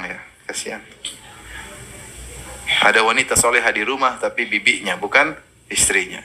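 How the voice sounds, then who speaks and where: A man's voice: on the low side, a little hiss or hum. A man giving a religious lecture, telling stories with energy and reciting Arabic verses. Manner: lively storytelling, quoting Arabic verses. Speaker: preacher.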